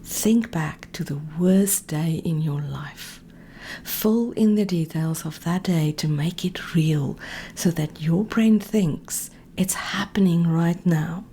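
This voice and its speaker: A woman with a lowish voice takes her time guiding a meditation, calm and gently directive. Her tone is soft and breathy, often nearly whispered, and a little hiss or hum can be heard.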